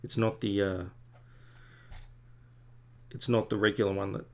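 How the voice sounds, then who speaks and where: At his drawing desk in a home studio, a male comic artist in his forties chats to stream viewers in a meandering, self-mocking way as he works. His lowish voice shows little pitch movement and keeps a measured pace.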